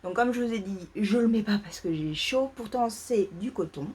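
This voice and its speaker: Une femme qui anime un vlog de tricot sur un ton décontracté, en hésitant beaucoup, avec de nombreux « euh ». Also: female voice, medium pitch, lively intonation, normal speed, a little mellow, husky. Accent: French. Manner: hesitant, many fillers and restarts. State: feeling too warm. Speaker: knitting podcast host. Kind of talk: casual knitting vlog chat. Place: parents' home, indoors.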